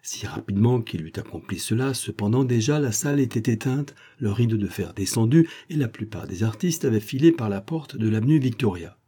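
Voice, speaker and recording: Low husky male audiobook narrator. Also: animated, brisk, hardly any pauses, mellow. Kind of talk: scripted narration.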